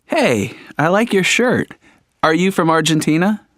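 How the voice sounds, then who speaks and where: A man's voice: fairly high pitch, sing-song, a little slow, fairly bright tone, no room sound, clean studio sound. An actor playing a friendly young man who is new to skating and chatty in a scripted textbook dialogue. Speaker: travel agency computer worker.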